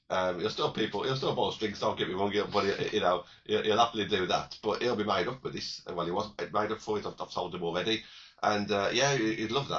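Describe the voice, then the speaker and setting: A croaky man with a very low voice chats casually as a podcast co-host. He rambles and restarts his sentences, and the sound comes through dull and lo-fi. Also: a bit bright. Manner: rambling, repeats words and restarts, chatty. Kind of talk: casual fan podcast chat.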